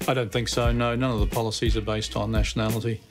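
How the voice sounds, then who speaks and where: A man's voice: on the low side, level tone, quick pace, faint music behind. A man who is a lawyer, answering interview questions in a plain, matter-of-fact way.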